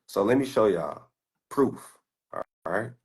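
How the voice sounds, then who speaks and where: A man's voice: lowish voice, animated, slow, darkish tone, husky. A man in his twenties from the United States, a stock trader giving a boastful, profane, confrontational rant while showing his screen. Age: 20s.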